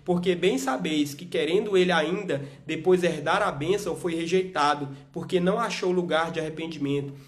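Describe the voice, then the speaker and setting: A man with a somewhat high voice preaches in a livestream sermon. He pushes hard with loud rhetorical questions, then drops to quiet, intimate asides, always speaking straight to the young people watching. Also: normal speed, hardly any pauses. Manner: emphatic, rhetorical questions, shifts between loud urging and soft asides.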